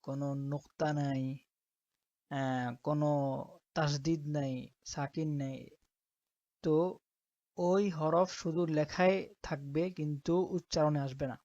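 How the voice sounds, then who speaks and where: A woman teaching Quran reading, who spells out letters slowly and often checks that her listeners are following. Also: sits low, fairly even intonation, a little mellow, dry recording, lo-fi sound. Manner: slow, patient, checks in with "ঠিক আছে?".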